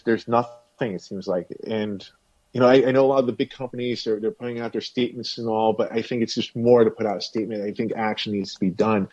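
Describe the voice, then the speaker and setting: Man, podcast host, low mellow voice, rambling, dull lo-fi sound. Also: no room sound. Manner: rambling, many restarts and fillers. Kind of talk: casual podcast discussion. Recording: dull dry lo-fi audio.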